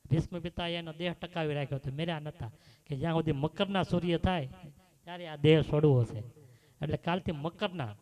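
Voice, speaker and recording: Lively man telling stories. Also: on the high side, fairly quick. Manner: lively storytelling with rhetorical questions. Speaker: bhajan singer and storyteller. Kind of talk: devotional sermon with anecdote.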